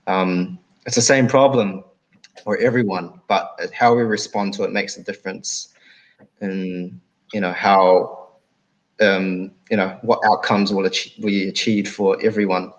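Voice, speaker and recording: A man's voice: sits low, steady tone, measured pace, poor audio. A man, a guest speaker at an online talk, thinking aloud with many fillers. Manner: thoughtful, rambling, many fillers.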